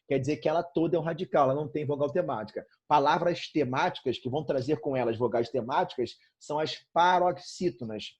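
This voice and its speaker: A man's voice: fairly high pitch, a little mellow, slightly rough. A man from Brazil with a Brazilian Portuguese accent, teaching a grammar lesson in an upbeat way and checking in constantly with his students. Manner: addresses students familiarly as "irmão" and "galerinha".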